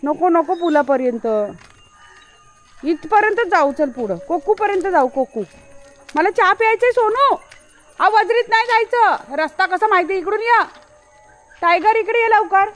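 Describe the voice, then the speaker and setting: A woman with a high voice talks to her camera as she walks outdoors in light rain. She keeps calling, coaxing and scolding her dogs. Faint music sits under her voice. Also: expressive, measured pace, pauses often, a bit bright. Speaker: vlogger. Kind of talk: casual vlog talk. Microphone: handheld camera while walking.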